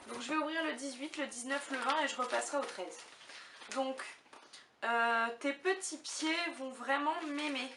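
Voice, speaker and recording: A roomy, slightly distant recording with faint noise carries a woman's fairly high voice. She talks casually to camera like a vlogger unboxing gifts, gushing and thinking aloud as she goes. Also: moderate pace.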